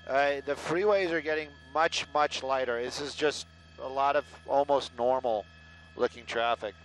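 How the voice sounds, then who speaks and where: Speaking at a medium pitch and moderate pace, a middle-aged helicopter traffic reporter chatters live on air, joking sarcastically at his own expense. He talks through a headset mic inside a helicopter in flight, and the audio quality is poor.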